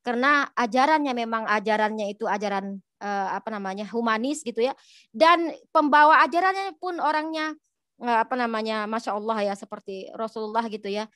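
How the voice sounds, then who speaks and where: Indonesian woman, lilt, podcast guest, chatty preacher-storyteller, high voice, dry mic. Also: a little fast, smooth, no echo. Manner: animated storytelling with many fillers and acted-out quotes. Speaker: guest speaker. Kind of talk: informal religious talk in a podcast.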